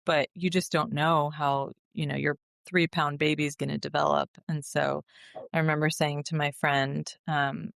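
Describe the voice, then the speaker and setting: A woman's voice: sits low, flat delivery, normal speed, gravelly, fairly bright tone, dry recording, clean studio sound. A woman in her thirties, a podcast guest, telling a personal story earnestly and emotionally, with many fillers and restarts.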